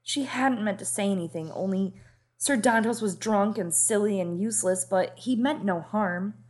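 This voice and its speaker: A woman's voice: mid-range voice, moderate pace, darkish tone. A young woman co-hosting a podcast, discussing and reading from a book with dry humor. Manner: dry, wry quips. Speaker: podcast co-host.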